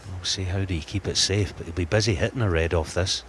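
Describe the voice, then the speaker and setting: Deep-voiced male snooker co-commentator. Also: fairly even intonation, fast talker. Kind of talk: conversational sports commentary. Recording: faint background noise.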